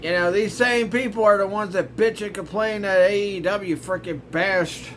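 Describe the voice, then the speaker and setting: A man's voice: high-pitched, fairly even intonation, moderate pace, fairly bright tone, a little hiss or hum. A middle-aged man hosting his own show, ranting in a grumbling, exasperated way with sarcastic asides. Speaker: host. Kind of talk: casual ranting commentary.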